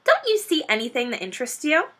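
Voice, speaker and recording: A woman's voice: sits high, wildly swooping pitch, fast, sharp tone, pitched above the performer's own voice, full character voice. A woman voicing a confident, sly father fox in a children's storybook, suave and bossy. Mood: confident, instructing. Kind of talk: children's storybook character reading.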